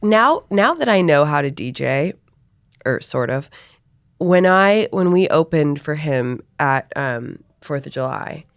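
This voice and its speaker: A young woman hosting a podcast in casual chat, telling stories in an animated, self-mocking way. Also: low voice, measured pace, dry recording, studio quality. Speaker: podcast host.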